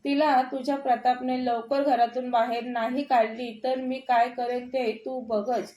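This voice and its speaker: A woman's voice: fairly high pitch, level tone, a little slow, warm tone, lightly acted. A woman voicing a hot-tempered middle-aged man who angrily threatens his sister, in an echoey room. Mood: angry. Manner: angry and threatening.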